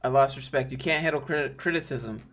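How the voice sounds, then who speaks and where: A man's voice: medium pitch, fast talker, a bit bright, soft background music. A young man hosting a casual livestream, reviewing resumes in a blunt, laid-back way. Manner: blunt, laid-back, says "dude" a lot.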